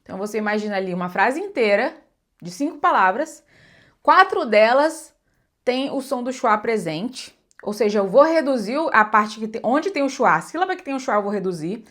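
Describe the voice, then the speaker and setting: A young Brazilian woman with a slightly high voice teaches English pronunciation in a relaxed, conversational way. She talks loosely, restarts her sentences and breaks into sample English words as she explains. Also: normal speed. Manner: chatty, self-correcting, demonstrates English words. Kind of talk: casual explanatory lesson.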